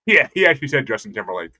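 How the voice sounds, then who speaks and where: A man's voice: mid-range voice, sing-song, fast talker, pushed and bright, low-quality recording. A young adult man casually recapping a TV episode as a podcast co-host, tossing in crude jokes. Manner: crude, joking retelling of plot.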